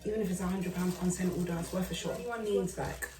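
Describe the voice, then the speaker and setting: A woman's voice: on the low side, steady tone, quick pace, a little mellow, faint music behind. A woman, giving emphatic advice in a casual chat. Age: 30s. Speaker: guest. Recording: roomy and distant from the mic.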